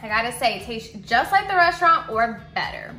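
A woman hosting a casual home cooking vlog, chatty and excited, tasting and explaining as she goes. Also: on the high side, a little fast. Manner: excited, chatty, lots of mm sounds. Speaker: cooking channel host. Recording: roomy room with background music.

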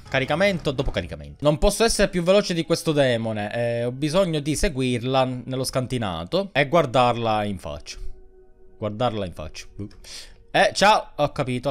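An Italian man gives playful, sarcastic commentary on a horror game he's playing, talking straight back to the ghost. His pitch swings widely as he reacts. Faint music plays behind him. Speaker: gaming YouTuber.

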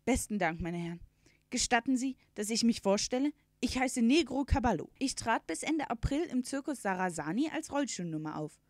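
A woman's voice: on the high side, expressive, normal speed, darkish tone, dry recording, clean studio sound, pitched above the performer's own voice, lightly acted. A woman voicing a well-educated, unemployed male circus horse in a storybook reading, speaking formally and courteously.

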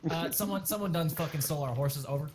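A man's voice: a little high, fast talker, darkish tone. A man in a squad game, cracking crude jokes, swearing and signing off lines with 'over'. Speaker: gamer in a squad. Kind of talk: casual game chat with mock military radio talk. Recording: noisy headset audio.

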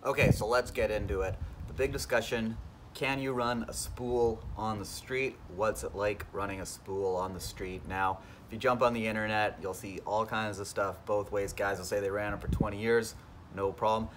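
A man's voice: on the low side, steady tone, moderate pace, noisy background. A man in his thirties hosting a casual garage vlog, talking through car work in a laid-back, enthusiastic way, filmed on a phone at arm's length. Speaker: car channel host. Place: home garage under a car, indoors. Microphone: phone camera at arm's length.

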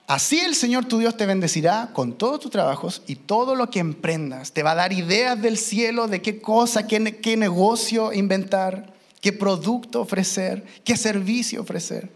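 A man, preaching a sermon as pastor, emphatic and slowing down for key phrases. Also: sits high, animated. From Chile. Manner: emphatic, slows down for key phrases, mimics children. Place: church.

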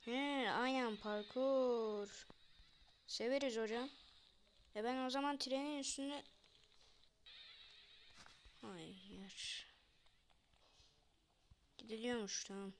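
A woman's voice: fairly high pitch, slow pace, pauses often, a little hiss or hum. A young woman chatting casually to viewers while she plays a game, muttering to herself between lines. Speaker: gamer vlogger. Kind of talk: casual gameplay commentary.

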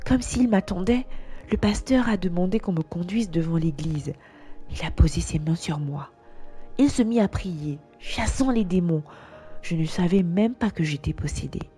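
Mellow woman telling a story. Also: on the low side, normal speed. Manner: earnest, testimonial storytelling. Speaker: narrator. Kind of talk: scripted first-person story narration. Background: faint background music.

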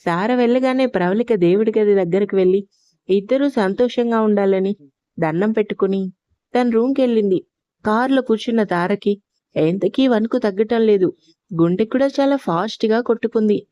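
A woman narrating an audio love story, reading steadily and gently. Her voice is mellow and dark in tone and pitched in an ordinary middle range. The recording is dry and close, with no room sound. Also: normal speed, no echo.

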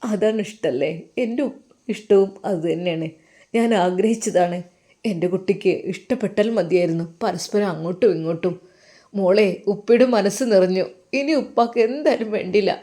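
A woman voicing a loving elderly father in his sixties or older, soft and tearful. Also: mid-range voice, pitched below the performer's own voice, natural voice.

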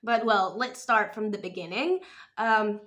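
A young woman, Spanish by origin but raised in the US, sits in a small room at home reviewing a TV show for her vlog. Her medium-pitched delivery is unhurried yet animated and expressive, and she gestures while addressing a close-up webcam or camera.

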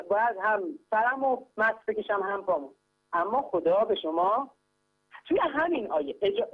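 A man calling in to teach a religious text lesson, explaining grammar patiently and step by step, repeatedly urging listeners to pay close attention. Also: very high voice. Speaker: caller teaching Quran grammar. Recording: tinny phone line with hum.

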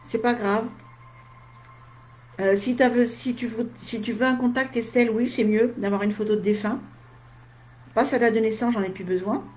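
A woman speaks casually to her live-stream audience, replying to their comments in short, chatty asides. She sounds tired, and a slight head cold leaves her voice faintly husky and dry. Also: on the high side, fairly even intonation, moderate pace, long pauses, a little mellow. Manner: chatty, talks straight to viewers in short asides. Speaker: medium.

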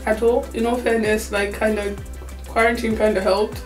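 A woman's voice: fairly high pitch, level tone, moderate pace, a little mellow, echoey room, soft background music, rough recording. A woman of twenty-four, chatting candidly to camera with many fillers and frequent laughs. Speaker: vlogger. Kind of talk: casual chat to camera. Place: small room indoors. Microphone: camera on tripod.

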